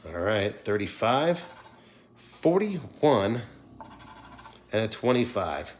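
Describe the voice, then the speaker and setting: A middle-aged man sits at a wooden table indoors, scratching lottery tickets on a livestream and chatting casually with his viewers. His voice sits on the low side and is very animated, though he takes things slowly. There's a little hiss or hum in the audio.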